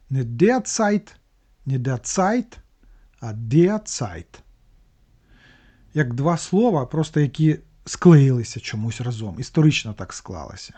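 Dark-toned man patiently explaining grammar. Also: medium pitch. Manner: patient, explains word by word with restarts. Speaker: language teacher. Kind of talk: explaining German grammar in a lesson.

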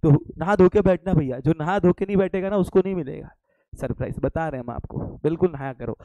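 Playful high-voiced male tutor. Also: brisk, warm tone, no echo, muffled recording. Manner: playful, teasing, quizzes students and answers himself; mixes English phrases into his talk. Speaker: online commerce tutor. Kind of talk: live online lecture with jokes.

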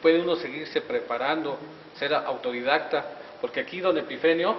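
Indoors in a wood-paneled hallway of an auditorium, a community TV reporter in middle age gushes praise at his interviewees, filling his speech with fillers as he grips a handheld mic. He speaks at normal speed in a rather high voice amid slight background noise, and the distant recording sounds dull and reverberant.

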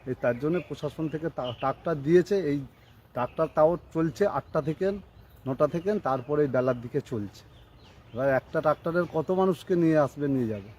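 A man's voice: fairly high pitch, a little fast, a little mellow. A man, a local shopkeeper, interviewed outdoors, complaining plainly about hardship. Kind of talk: street interview. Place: outdoors in a flooded village.

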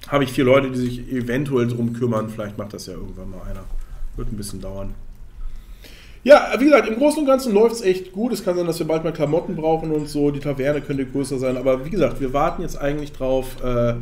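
A man's voice: medium pitch, a little fast, a little mellow. A man streaming a strategy game, thinking aloud, counting under his breath and chatting to his viewers. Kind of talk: casual live-stream gameplay commentary.

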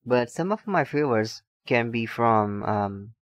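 Faint game music plays as a young man from Indonesia, speaking slowly and animatedly in a mid-range voice, chats through a live stream. He reads viewer comments, halting, restarting often and laughing, while not facing his shotgun microphone.

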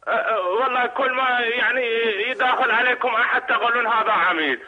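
A man's voice: very high-pitched, fast. A man calling into a live show, defensive and insistent. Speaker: caller. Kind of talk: phone-in call. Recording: dull phone line.

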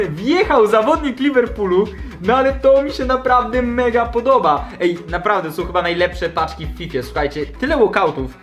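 A man with a hoarse, sore throat giving eager, exclaiming commentary as a gaming channel host. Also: sits high, animated, normal speed, few pauses, soft background music. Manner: eager, exclaims at each card. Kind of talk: excited pack-opening commentary.

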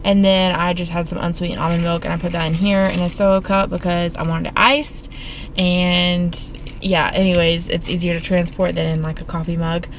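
A woman's voice: on the low side, little pitch movement, moderate pace. Woman, 20s, casual vlogger, rambling filler-heavy chat, camera at arm's length, noisy car background. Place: inside a car and outdoors at a campground. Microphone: handheld camera at arm's length. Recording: noisy car and outdoor ambience.

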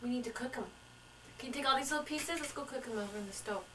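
A woman's voice: sits high, quick pace, distant mic, poor audio. Woman coaxing a toddler, off-mic. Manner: gentle, coaxing, speaks to a small child. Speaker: family member playing with a toddler. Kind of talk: casual home video chat. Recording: home video camcorder tape from off the mic.

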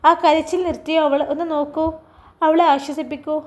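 A woman reading a gentle, concerned man. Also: high voice, steady tone, brisk, lightly acted. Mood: earnest. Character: man, a concerned, caring boss.

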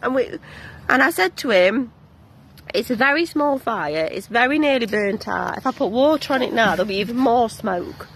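A woman's voice: on the high side, expressive, normal speed, a little hiss or hum. A woman vlogging about home life, telling a story in a blunt, down-to-earth way. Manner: blunt, recounting a row. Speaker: home-educating mum vlogger. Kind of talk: casual vlog storytelling.

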